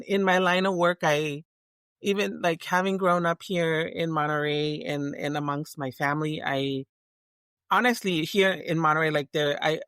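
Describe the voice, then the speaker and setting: A woman's voice: low voice, a bit bright, no room sound, studio quality. A middle-aged woman from Tonga, a guest in a casual interview, talking reflectively with many restarts and fillers.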